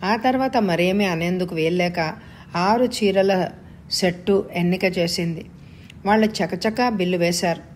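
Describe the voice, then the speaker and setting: A woman reading a story aloud as narrator in a steady, measured way. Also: on the low side, a little hiss or hum. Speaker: story reader.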